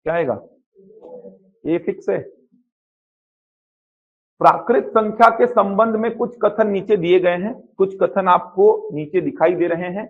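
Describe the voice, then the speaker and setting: A man's voice: sits high, a little slow, pauses often. A man teaching a live math coaching class to a classroom and online viewers. He asks the students questions, answers them himself, and repeats the key points. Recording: slightly dull lo-fi classroom audio.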